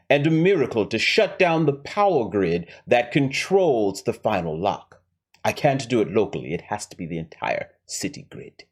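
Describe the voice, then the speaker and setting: Scheming heist villain with a weak fake German accent done by a man, dramatic pauses, lively swooping pitch. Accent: put-on German villain accent, admittedly poor. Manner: theatrical, dramatic pauses, hushed whispered emphasis. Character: scheming suave male villain planning a heist.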